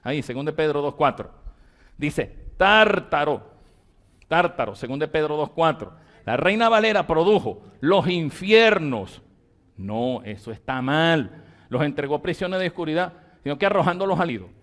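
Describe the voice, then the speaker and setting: Emphatic Venezuelan pastor teaching Bible study. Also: male voice, on the high side, lively intonation, moderate pace, a bit bright. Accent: Venezuelan Spanish. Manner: repetitive, emphatic, dictating terms to a congregation.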